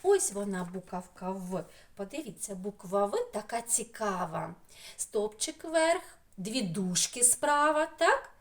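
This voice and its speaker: Slow sing-song woman teaching small children. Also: medium pitch, very animated. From Ukraine. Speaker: preschool teacher. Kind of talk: remote phonics lesson for young children. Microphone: computer mic in an online class.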